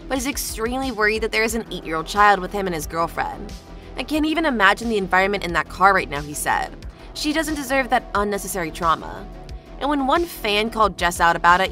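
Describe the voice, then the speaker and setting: A woman's voice: medium pitch, bright, forceful tone. A woman reading a scripted news narration as the narrator.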